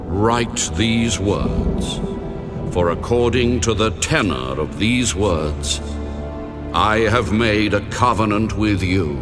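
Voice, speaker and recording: A man playing a solemn, commanding God in a dramatized scripture reading, speaking in a grave, measured, authoritative way. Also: lowish voice, lively intonation, music in the background. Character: the Lord God, solemn commanding male deity.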